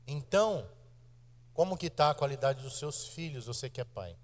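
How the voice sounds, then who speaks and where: A man in his thirties with a Brazilian accent, preaching to his congregation as pastor, emphatic and direct, slowing down and speeding up for effect. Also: mid-range voice, animated. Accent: Brazilian Portuguese. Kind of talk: sermon. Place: church sanctuary. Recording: church hall reverb.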